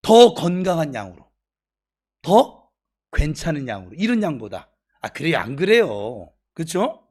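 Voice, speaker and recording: A woman pastor preaching in a church, in an animated, chatty and humorous manner, with bursts of shouting. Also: deep voice, a little slow, husky. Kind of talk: sermon.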